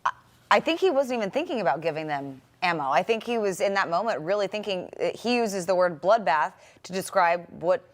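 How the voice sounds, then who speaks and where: A woman co-hosts a morning news panel in a fairly low voice. She backs up the others with murmured agreement and offers her own views. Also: animated, a little fast. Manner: affirming, frequent murmured agreement. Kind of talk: cable news panel discussion.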